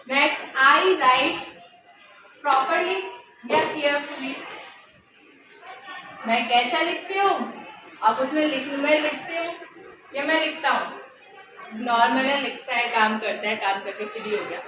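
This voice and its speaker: A woman teaches grammar in a slow, high voice, posing questions to the class and answering them herself. She is recorded from a distance in a very echoey room, with clear noise underneath.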